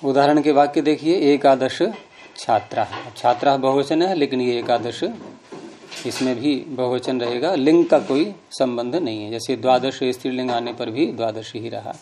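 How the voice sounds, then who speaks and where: Man, middle-aged, grammar teacher, patient explanations, warm dark tone. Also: medium pitch, steady tone, moderate pace, slight background noise. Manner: explains patiently, quizzes students. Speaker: Sanskrit teacher. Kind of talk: classroom grammar lesson.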